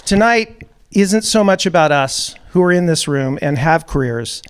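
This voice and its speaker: A man's voice: fairly high pitch, animated, a faint crowd, a little hiss or hum. A man hosting a town hall, delivering a prepared opening speech a little nervously to an audience in a hall. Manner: a little nervous, reads measured remarks. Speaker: event host, music producer.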